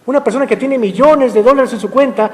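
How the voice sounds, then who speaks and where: A man preaching a sermon as pastor, emphatic and full of rhetorical questions, slowing down to read scripture. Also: very high voice, long reverb tail. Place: church sanctuary.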